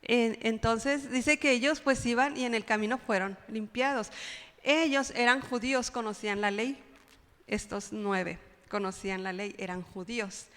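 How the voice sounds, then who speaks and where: A woman's voice: on the high side, fairly bright tone. Woman preaching in an echoing church. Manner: dramatic cries when quoting pleas, rhetorical questions. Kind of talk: sermon. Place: church sanctuary. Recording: long hall reverb.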